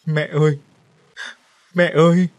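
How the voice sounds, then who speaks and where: A husky-voiced man voicing a twelve-year-old boy crying desperately for his mother in a horror audiobook. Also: fairly high pitch, level tone, takes it slowly, no echo, pitched above the performer's own voice. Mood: wailing. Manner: desperate wailing cries.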